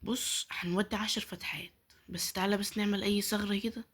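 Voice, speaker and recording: An Egyptian gaming YouTuber gives casual gameplay commentary in an Egyptian Arabic accent, pleading, muttering prayers and often dropping to a whisper. Her mid-range voice is a bit bright and fairly even in intonation, and she talks fast. There's a little hiss or hum.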